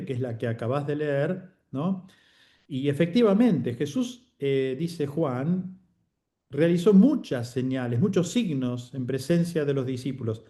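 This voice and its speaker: A man's voice: fairly high pitch, mellow. A man teaching a Bible course, explaining patiently and often checking in with short tag questions.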